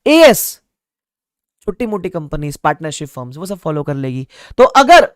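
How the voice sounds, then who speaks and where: A man's voice: on the high side, sing-song, moderate pace, dry recording, clean studio sound. A man teaching an online class, repeating key points with playful asides. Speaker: online exam-prep teacher. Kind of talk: lively classroom lecture.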